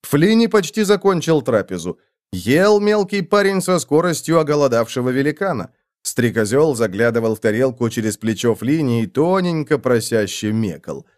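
A man reading a fantasy audiobook in the first person, expressive narration. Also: medium pitch, normal speed. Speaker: audiobook reader.

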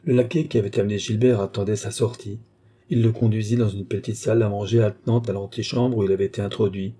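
Male narrator, literary audiobook, very dark voice, husky, measured. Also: on the low side, fairly even intonation.

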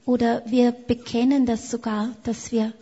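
A woman interpreting a sermon live in a level, steady voice. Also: on the high side, measured pace, slightly rough. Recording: echoey hall, dull sound.

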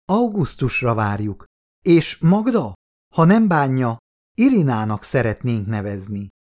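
Man voicing a cheerful young guy, playfully formal, lively audiobook voice. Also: medium pitch, close to an everyday voice.

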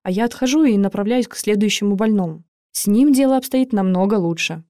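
A woman narrating a first-person audiobook in a lively, expressive way. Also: medium pitch, brisk, no echo, clean studio sound.

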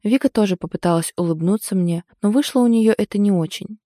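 Warm, mellow woman narrating a novel. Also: medium pitch, fairly quick, no room sound, studio quality. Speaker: audiobook narrator. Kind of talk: first-person novel narration.

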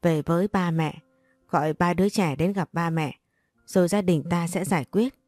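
A stern middle-aged father who scolds his daughter, read by a woman in her own lowish voice. Close, dry recording with faint music. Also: normal speed, darkish tone, dry recording, close to an everyday voice. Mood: grave.

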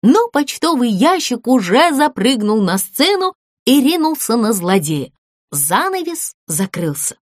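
Expressive woman reading a children's story. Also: a little high, unhurried, no room sound, studio quality. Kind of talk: children's audiobook narration.

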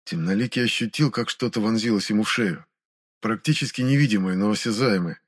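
A man giving scripted narration of a fantasy audiobook in a measured, steady reading. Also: on the low side.

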